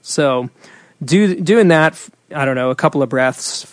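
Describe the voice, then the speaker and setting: A man co-hosting a casual chat, explaining singing and warm-ups in a rambling way with many fillers and restarts. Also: on the high side, expressive, unhurried, no room sound. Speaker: singer and podcast co-host.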